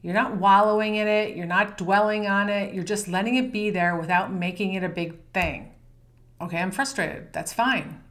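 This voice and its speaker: Calm woman coaching golf mindset. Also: mid-range voice, moderate pace, few pauses. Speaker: golf mental-game coach. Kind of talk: course lesson.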